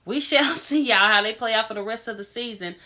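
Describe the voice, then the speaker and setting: A woman host casually recapping a reality show episode in a chatty, animated way, acting out reactions. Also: fairly high pitch, brisk.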